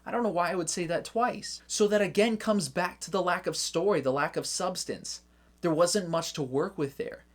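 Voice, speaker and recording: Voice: mid-range voice, normal speed. A casual movie reviewer talking straight to the viewer. The delivery is chatty and loose, with lots of filler words and little joking asides that wander off track.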